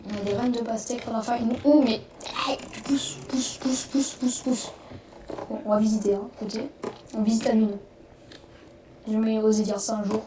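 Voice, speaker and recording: A woman hosting a let's play, giving excitable, rambling commentary and swearing when things go wrong. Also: on the high side, normal speed. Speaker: gaming video host. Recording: roomy, distant mic, noisy background.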